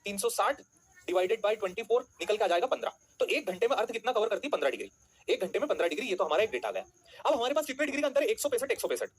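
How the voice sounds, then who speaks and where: Guy teacher, fast and bouncy, slightly husky voice, keeps asking the class stuff then answers it. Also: high voice, lively intonation. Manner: asks students questions then answers them himself; calls students beta, jokingly threatens them. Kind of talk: online class lecture.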